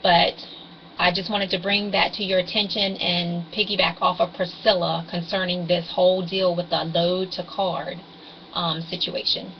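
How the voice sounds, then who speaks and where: A woman in her forties vlogs about couponing on a webcam, rambling and hesitant with frequent ums, like a casual explainer. Her voice is fairly low and flat, at a moderate pace. The webcam audio is dull and fuzzily distorted, with a little hiss or hum.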